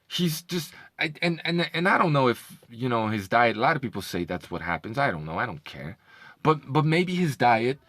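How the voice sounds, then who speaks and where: A commentary vlogger delivers a heated, profane rant, his medium-pitched, fairly bright voice recorded cleanly in a studio with no echo. He keeps repeating himself and stumbles into stammered restarts over the same words.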